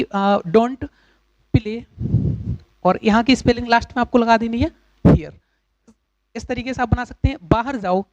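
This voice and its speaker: A man teaching English grammar in a lecture, explaining patiently with pauses and repeated examples. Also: extremely high pitch, a little mellow, no echo. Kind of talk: classroom lecture. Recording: dull, dry lo-fi recording.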